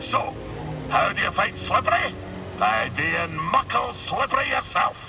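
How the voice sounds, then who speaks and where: Gruff old fisherman alien for a game: high, swooping, salty storyteller with a gravelly edge. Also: huge pitch swings, measured pace, distant mic, noisy background, exaggerated voice. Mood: boastful, eager. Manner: gruff old fisherman, theatrical sea-dog talk. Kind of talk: animated video game character dialogue.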